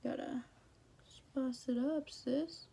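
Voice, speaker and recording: Slow-talking chatty young woman vlogger. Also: high voice, fairly even intonation, gravelly, dark tone, slightly rough. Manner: chatty, playful, with slang like sis and y'all. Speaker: beauty vlogger. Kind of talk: casual makeup tutorial chat.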